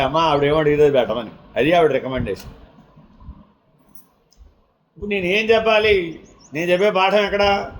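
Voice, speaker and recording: A man delivers a spiritual discourse in a somewhat raised voice. He brings his anecdotes to life by acting out the people in them, and slows down for chanted scripture. A faint hiss runs underneath. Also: high voice, poor audio. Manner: chants Sanskrit verses slowly. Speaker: spiritual teacher. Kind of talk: sermon.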